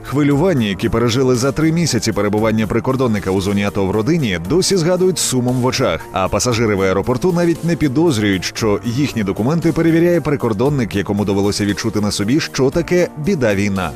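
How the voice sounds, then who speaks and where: A man narrates a scripted news report at a quick pace. His pitch is average, with faint music underneath. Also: lively intonation, a little mellow.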